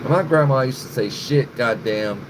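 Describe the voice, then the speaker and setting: Speaking at normal speed in a mid-range voice, a middle-aged man runs a casual livestream, cursing freely and rambling as he responds to chat viewers by name. An air conditioning hum and other background noise are clearly audible.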